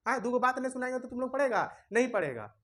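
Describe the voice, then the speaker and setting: A man's voice: very high-pitched, lively intonation, rapid-fire, fairly bright tone. Scolding male teacher. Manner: scolding, chatty, colloquial. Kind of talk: classroom lesson. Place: classroom with students.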